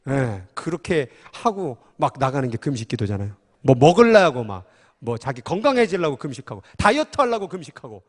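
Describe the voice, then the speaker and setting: A male pastor with a high, ringing voice preaches fervently. His emphatic words spill out in passionate bursts, and a long reverb trails every phrase. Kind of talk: sermon.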